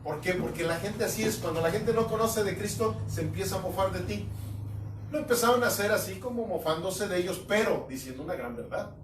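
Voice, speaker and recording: A man preaches an expository sermon in a high, emphatic voice. He now and then mimics doubters mockingly. The sound is roomy and echoey, picked up from a little distance. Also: expressive, fairly quick, background noise. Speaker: pastor. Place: at home. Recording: echoey room, mic at a distance.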